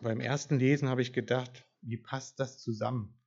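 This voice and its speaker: A man with a gravelly voice preaches in a loose, conversational way and keeps putting questions to his listeners. The recording sounds dull and lo-fi. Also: mid-range voice, steady tone, moderate pace, a little mellow. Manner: conversational, asks the congregation questions. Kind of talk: informal sermon with audience questions.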